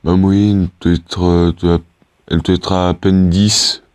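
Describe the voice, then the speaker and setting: Low-voiced teen boy rambling over gameplay. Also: flat delivery, measured pace, darkish tone, smooth, dry recording, studio quality. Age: teenager. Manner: rambling and hesitant, many fillers and restarts. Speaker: gaming YouTuber. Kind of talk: casual gameplay commentary.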